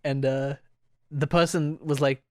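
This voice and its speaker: A man's voice: a little high, steady tone, unhurried, a little mellow, no room sound, clean studio sound. A young man co-hosting a podcast, telling stories in a rambling way, laughing often and acting out quoted voices. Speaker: podcast co-host. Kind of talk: casual chat.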